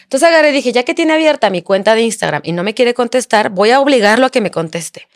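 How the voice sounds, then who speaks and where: A woman's voice: on the high side, animated, fast, no room sound, clean studio sound. A young woman with a Mexican accent, a podcast guest frankly telling a personal story in conversation, using lots of slang.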